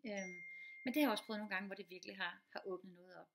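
A middle-aged woman, a teacher and mother, giving casual advice, talking quickly with many fillers and restarts. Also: medium pitch, fairly even intonation, gravelly, noisy background. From Denmark.

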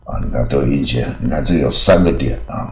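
A man's voice: rumbling low, fast talker, reverberant, low-quality recording. A man from Taiwan giving a casual, rambling English lesson, full of filler particles and restarts. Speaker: English teacher.

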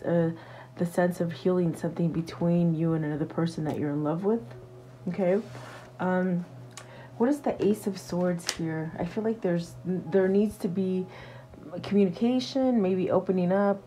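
A woman tarot reader chats casually to camera in a lowish, dark, warm tone. She is halting and reassuring, uses lots of fillers, and has the hiccups.

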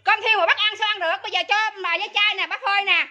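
A woman's voice: very high-pitched, fairly even intonation, very fast, bright, forceful tone, highs cut off. A woman making an urgent, pleading complaint on camera outdoors. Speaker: resident complaining about aid.

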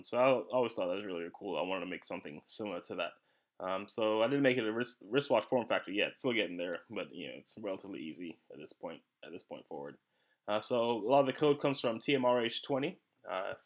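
A hobbyist man narrates an unscripted electronics tutorial over screen capture, explaining things casually and rambling, with plenty of "you know." His voice is on the low side with a fairly bright tone.

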